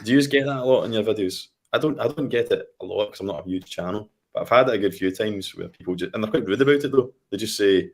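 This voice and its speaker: A Scottish man with a low-pitched voice, chatting informally on a panel. He speaks off the cuff and at a rapid clip. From Scotland. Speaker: YouTuber on a film discussion panel. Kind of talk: casual unscripted chat.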